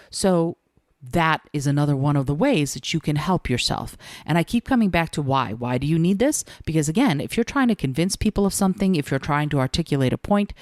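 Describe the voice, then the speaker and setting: Low-voiced woman, measured podcast host. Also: a little mellow, no echo, clean studio sound. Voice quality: low speaking voice. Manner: measured and deliberate, with thoughtful pauses. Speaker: podcast host and communication coach. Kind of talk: solo podcast talk.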